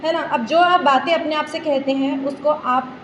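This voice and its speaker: A woman's voice: high-pitched, steady tone, normal speed. A woman life coach giving a talk on mental health to a group, explaining with everyday analogies and often checking whether listeners understand. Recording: echoey room, faint background noise.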